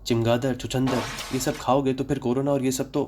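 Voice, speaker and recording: A man's voice: mid-range voice, little pitch movement, heavy background noise. A young man from Pakistan delivering a sarcastic comic monologue, then giving health advice. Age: young adult. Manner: sarcastic rapid-fire jokes. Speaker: comedy vlogger.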